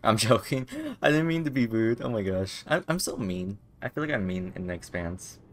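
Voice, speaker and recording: A man's voice: on the low side, animated, moderate pace, a little hiss or hum. A young man doing casual, rambling, profane gameplay commentary as a streamer. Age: young adult. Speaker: game streamer.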